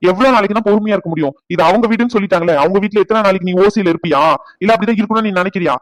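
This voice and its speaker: A man plays an indignant cartoon son defending his wife, his lines racing out at a very fast clip. The voice sits fairly high for a man and is recorded dry and close. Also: dry recording, close to an everyday voice, rough recording. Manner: indignant, rapid arguing. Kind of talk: cartoon family-drama voice acting.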